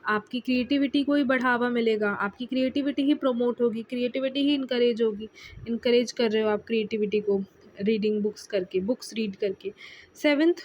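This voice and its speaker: A woman's voice: on the high side, fairly quick, dull audio. Woman teaching vocabulary with patient repetition. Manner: explains patiently, repeats key words, many fillers. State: tired. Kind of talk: casual Hinglish vocabulary lesson.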